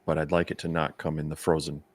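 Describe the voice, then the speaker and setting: A man co-hosting a live stream, chatting casually and explaining things in a measured way. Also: very deep voice, little pitch movement. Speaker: co-host.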